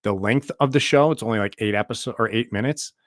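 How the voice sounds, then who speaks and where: A young man talks with lively, easy enthusiasm and breaks into laughter mid-sentence. His voice is fairly low. The recording is dry and close, with no echo around it. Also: fast talker. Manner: animated, chatty, laughs while explaining. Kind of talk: casual podcast chat.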